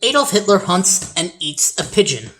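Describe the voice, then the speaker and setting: A woman's voice: fairly low pitch, sing-song, normal speed, fairly bright tone. A woman casually reading out the events of a game simulation, tripping over names and adding sheepish, wry asides. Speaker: game player narrating events.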